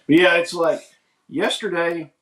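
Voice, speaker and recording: A man's voice: fairly high pitch, fairly even intonation, a little slow, fairly bright tone. A man, hosting a casual morning livestream, rambling in a folksy way and greeting viewers by name. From United States. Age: 40s. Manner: rambling, folksy, reads viewer comments aloud. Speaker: livestream host. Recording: echoey room.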